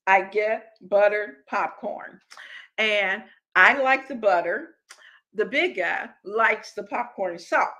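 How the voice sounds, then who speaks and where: A woman's voice: fairly high pitch, bright, forceful tone, rough recording. A middle-aged woman hosting a home cooking live stream, chatting with viewers in a rambling, friendly way with many restarts. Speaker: cooking channel host.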